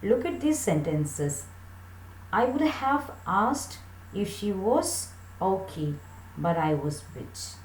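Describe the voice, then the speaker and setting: Slow and deliberate, a female teacher reads text aloud in an English lesson for children and explains it, asking pupils checking questions. Her mid-range voice swings widely in pitch and is a little mellow, and the small plain room gives a roomy sound with faint noise.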